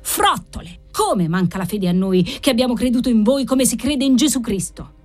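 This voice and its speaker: Woman doing a shrill, furious old man. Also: animated, moderate pace, a little mellow, faint music behind. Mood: outraged. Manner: shrill, outraged ranting.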